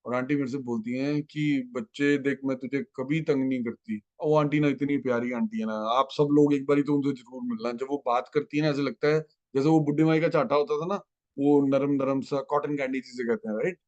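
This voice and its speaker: A man's voice: mid-range voice, steady tone, a little fast, a little mellow, lo-fi sound. Man giving a heartfelt devotional testimony. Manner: heartfelt storytelling, mixing in English phrases. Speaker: devotee sharing a testimony at a satsang.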